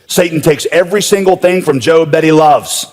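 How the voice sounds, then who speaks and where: A man preaching a sermon as pastor, with humorous storytelling and lively asides. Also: a little high, moderate pace. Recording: echoey hall.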